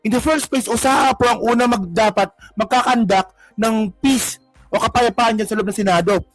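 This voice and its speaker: A man's voice: high-pitched, moderate pace, no room sound, soft background music. A man with a Filipino accent giving casual political commentary, mocking and rambling as he reacts to clips. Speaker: commentary vlogger.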